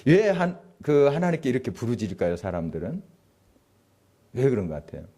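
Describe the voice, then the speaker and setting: A man's voice: medium pitch, very animated, fairly quick, dark tone. A male pastor giving a conversational sermon, asking the congregation questions and chuckling as he speaks. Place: church sanctuary.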